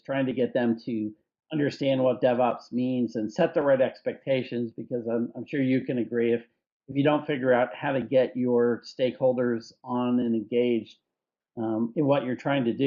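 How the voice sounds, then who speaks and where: A male host with a mid-range voice in a relaxed discussion. He affirms his guest with enthusiasm before sharing his own view. The sound is slightly dull and lo-fi. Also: mid-range voice. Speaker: company CEO and host. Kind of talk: conversational discussion.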